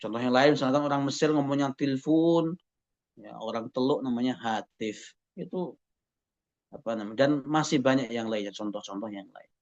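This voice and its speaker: A man's voice: mid-range voice, normal speed, darkish tone. A man giving a university lecture, explaining step by step and often tagging his points with a questioning "ya" and rhetorical questions. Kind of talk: classroom lecture. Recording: dull lo-fi recording.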